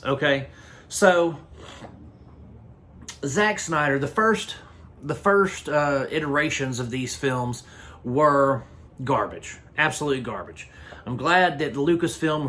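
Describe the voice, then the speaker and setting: A man's voice: a little high, fairly bright tone. A man hosting a casual film review, talking bluntly and rambling with frequent restarts. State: hiccups. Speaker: movie reviewer.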